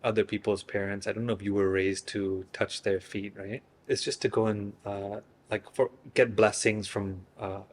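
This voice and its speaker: Man, 30s, from Singapore; hesitant, easygoing interviewee, lowish voice. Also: moderate pace, hardly any pauses. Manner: relaxed, hesitant, many fillers and restarts. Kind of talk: casual interview chat.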